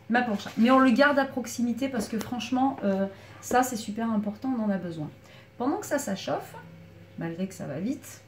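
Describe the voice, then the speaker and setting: A woman giving a casual cooking demonstration in her small back kitchen, chatting to viewers as she works, with a slight frog in her throat. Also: fairly high pitch. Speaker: home cook. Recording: echoey kitchen, mic far off, loud background noise. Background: clattering pans and utensils.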